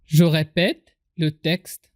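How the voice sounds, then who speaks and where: A teacher dictating a text slowly and deliberately, repeating short phrases and naming the punctuation aloud. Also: medium pitch, flat delivery, darkish tone, dry recording, studio quality. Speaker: teacher giving a French dictation.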